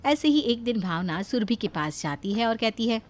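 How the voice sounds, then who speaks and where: A woman telling a scripted story with a steady, measured delivery. Her voice sits high. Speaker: narrator.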